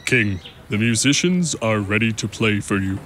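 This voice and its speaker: An actor playing a dutiful, formal and deferential royal guard in a Bible drama. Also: male voice, lowish voice, expressive, moderate pace, a bit bright, slight background noise. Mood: dutiful, concerned. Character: loyal, dutiful male royal servant and guard.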